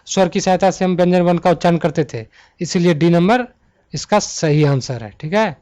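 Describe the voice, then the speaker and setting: A man teaching a Hindi grammar exam-prep lesson, talking students through multiple-choice answers and slowing down to list letters one by one. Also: high voice, a little mellow. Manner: slows to spell out letter lists one by one.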